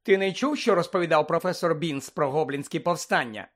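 A man's voice: a little high, a little fast, natural voice. A man reading aloud voicing a clever, bossy teenage schoolgirl who lectures her friends. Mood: earnest. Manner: earnest, lecturing. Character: fussy clever teenage girl student, bossy.

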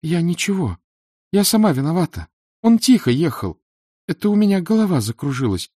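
A man's voice: fairly high pitch, very animated, fairly quick, dark tone, no room sound, clean studio sound, pitched above the performer's own voice. A man reading an audiobook, voicing a shaken, apologetic sixteen-year-old girl. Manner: timid, apologetic.

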